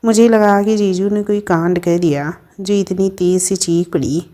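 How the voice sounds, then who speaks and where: Woman playing a brash young woman friend, blunt, scolding, mocking, storybook, lowish voice. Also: steady tone, normal speed, warm tone, lightly acted.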